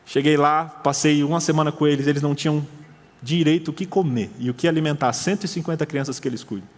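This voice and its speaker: Man, missionary preacher, high pitch; vivid sermon storyteller, recorded in a big reverberant hall. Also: quick pace. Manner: storytelling, acts out quoted dialogue with rising pitch. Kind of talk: sermon testimony.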